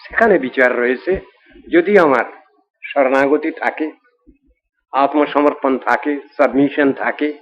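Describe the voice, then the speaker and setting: Man giving a devotional storytelling sermon. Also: a little high. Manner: storytelling, chants Sanskrit verses slowly. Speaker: preacher. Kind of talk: devotional scripture discourse. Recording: dull lo-fi recording.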